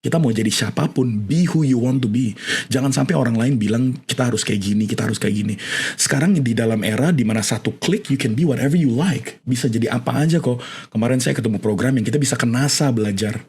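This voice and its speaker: A man's voice: medium pitch, fairly quick, vocal fry, a little mellow, husky. A man talking as a podcast guest, telling stories and giving advice, often dropping English phrases into his speech and laughing as he goes. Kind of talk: conversational storytelling and advice.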